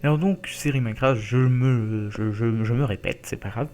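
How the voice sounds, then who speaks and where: A man's voice: mid-range voice, normal speed, darkish tone, a little hiss or hum. Chatty man hosting a gaming video. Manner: chatty, full of fillers and checks like "d'accord?". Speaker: Minecraft YouTuber introducing his series. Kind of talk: casual gaming video intro.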